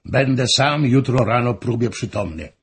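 A man reading a husky, imperious king. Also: medium pitch, animated, moderate pace, fairly bright tone, heavily acted. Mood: commanding. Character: imperious middle-aged king, restless and wilful.

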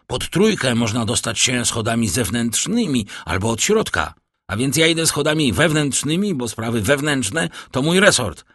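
Man playing a self-important innkeeper, fussy, husky voice, lively pitch, storybook. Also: normal speed, no room sound, clean studio sound.

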